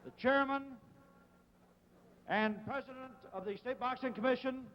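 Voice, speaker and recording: A man announcing the fighters in formal, drawn-out calls, heard through arena loudspeakers. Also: very high voice. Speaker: ring announcer. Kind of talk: formal ring introductions. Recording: muffled old broadcast, faint noise.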